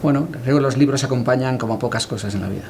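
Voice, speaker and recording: A middle-aged man from Galicia, Spain, giving reflective interview answers as a cultural editor, measured and thoughtful with hesitant pauses. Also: mid-range voice, darkish tone, a little hiss or hum.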